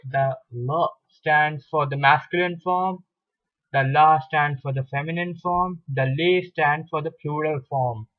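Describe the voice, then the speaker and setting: A man with a slightly high voice gives a recorded lesson on French grammar. He talks slowly and patiently and goes over each example more than once. The recording is dull and lo-fi, with a dry sound. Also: steady tone, dry recording. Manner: slow, patient explanation with repeated examples. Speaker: French teacher. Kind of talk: recorded video lecture.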